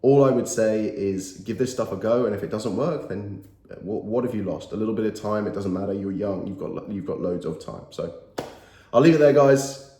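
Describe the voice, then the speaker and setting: Speaking to camera at a moderate pace, a motivational YouTuber in his thirties has a warm voice on the low side, made nasal by a cold. His talk is earnest and emphatic, with key phrases repeated, in a recording with roomy echo.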